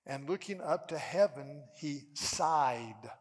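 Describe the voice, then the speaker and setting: A man preaching a sermon as pastor, stammering over repeated words as he presses a point and dropping from loud to hushed. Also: on the high side, lively intonation, takes it slowly, in a large hall.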